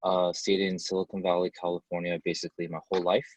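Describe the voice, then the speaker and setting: A man who grew up in the United States answers interview questions as a company head. His voice is very low, his delivery loose and chatty with fillers. The sound is dry and close. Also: completely flat delivery, fast talker, no room sound, low-quality recording. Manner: conversational, many fillers and restarts. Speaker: company CEO, guest. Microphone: video call.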